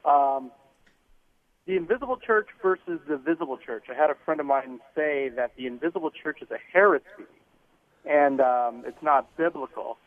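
A man calling in to a radio show over the phone, asking his question in a hurried, informal way with filler ums. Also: a little high. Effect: heard over a phone line. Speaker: caller. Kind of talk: call-in question to a radio host. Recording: narrow phone-line sound.

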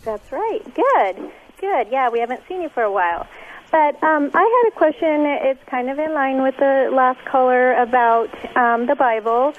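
Woman, radio show caller, tinny phone line, slightly high voice, hesitant with many ums. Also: expressive, moderate pace.

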